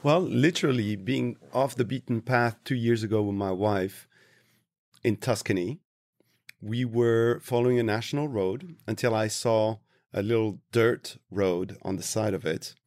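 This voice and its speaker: A low, gravelly man from Tunisia speaks as an interview guest. He is reflective and unhurried, pausing to search for his words. The recording is dry and close. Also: darkish tone, no room sound. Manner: thoughtful, slow, searching for words. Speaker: interview guest, travel industry professional.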